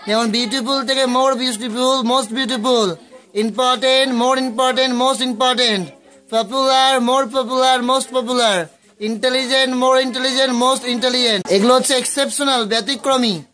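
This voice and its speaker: High bright-voiced male grammar tutor. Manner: explains slowly, reads word lists in a steady rhythm. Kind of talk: grammar lesson in Bengali.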